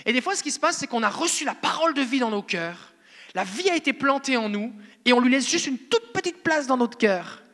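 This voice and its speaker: French-accented male pastor, high bright voice, casual playful sermon, long church-hall reverb. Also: expressive, fairly quick. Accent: French (France). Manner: conversational, playful preaching.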